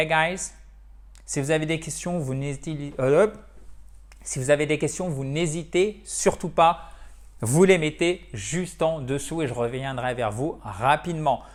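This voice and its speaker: Male English teacher, animated, bilingual, drills pronunciation by repetition. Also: mid-range voice. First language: French. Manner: lively, switches between French and English, repeats words for pronunciation. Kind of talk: online English lesson.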